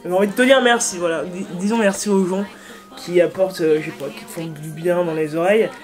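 A woman with an eastern French accent, chatting casually about music. She rambles excitedly in slang and uses lots of fillers. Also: lowish voice, fairly quick. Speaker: music YouTuber. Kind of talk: casual chat, music review. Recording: music playing clearly behind the voice.

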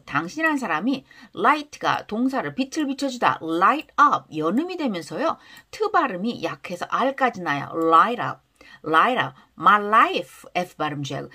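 A woman teaching English through pop song lyrics, stretching English lines slowly for students to repeat and explaining quickly in between. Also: medium pitch, a bit bright.

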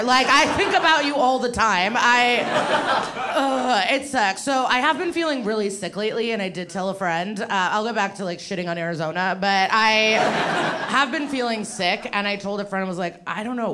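With heavy background noise, a woman's fairly high voice carries a stand-up set from a small, dim room full of live audience members. She's in her thirties, holding a handheld mic, rambling conversationally and doing crowd work amid loud laughter.

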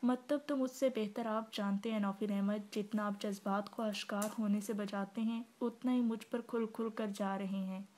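A woman reading the part of a calm young wife who speaks softly and steadily in a storybook novel. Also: mid-range voice, normal speed, hardly any pauses, lightly acted. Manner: soft, composed.

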